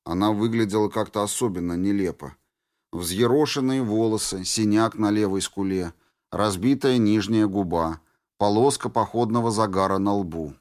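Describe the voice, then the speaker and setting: A man narrating an audiobook in a steady, measured way. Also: lowish voice. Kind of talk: scripted narration.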